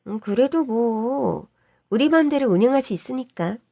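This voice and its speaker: A woman's voice: a little high, expressive, gravelly, warm tone, no room sound, studio quality. A woman voicing a pushy, scheming middle-aged sister-in-law who wheedles and snaps. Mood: wheedling. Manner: pushy, wheedling, quick to snap.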